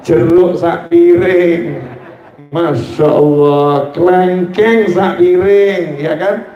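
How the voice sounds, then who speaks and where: A man with a high voice delivers a lively sermon in a way, cracking jokes and slipping into short acted exchanges. His voice rings through an echoey hall. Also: dull audio. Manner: joking, acts out dialogue in quoted voices. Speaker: preacher. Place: religious gathering hall.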